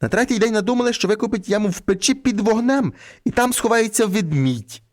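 Expressive man reading a fairy tale. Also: high-pitched, a little fast. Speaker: storyteller.

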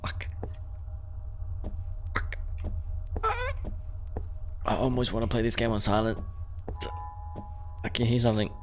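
A man's voice: fairly low pitch, little pitch movement, takes it slowly, pauses often, faint music behind. A man in his thirties giving casual, sweary commentary on a horror game, sounding scared and jumpy. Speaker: video game streamer. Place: indoor room at home. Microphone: close desk microphone, wearing headset.

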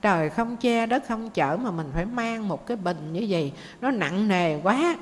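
A woman's voice: mid-range voice, animated, moderate pace, natural voice. A woman voicing a small baby snail that complains, with a plaintive, whining manner. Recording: faint noise, long hall reverb.

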